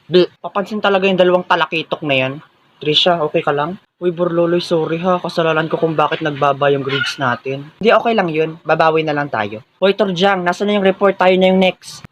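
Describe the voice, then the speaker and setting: A comedy sketch performer switches between squabbling students and a stern teacher. The banter comes fast and teasing, with bits of broken English. The voice sits at a middle pitch. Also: fairly bright tone. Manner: rapid, bickering, mixing in broken English. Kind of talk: comic skits voicing several classmates.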